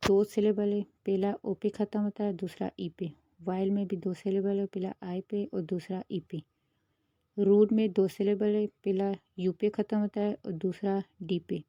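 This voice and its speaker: A woman teacher who hosts her own channel explains a grammar lesson steadily and patiently, mixing English terms into her Hindi. Her voice is medium-pitched, and the recording is dry and muffled.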